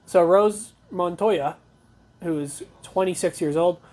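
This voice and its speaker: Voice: medium pitch, slow, a little mellow. A talk show host giving blunt, conversational news commentary, reading reports aloud with opinionated asides.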